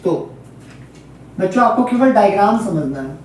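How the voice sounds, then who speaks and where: A man's voice: sits high, lively intonation, normal speed, heavy reverb, distant mic, slight background noise. A man teaching a physics lesson aimed at exams, who repeats key points and keeps checking in with his students. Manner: repetitive, checks in often with students. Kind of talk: exam-focused classroom lesson.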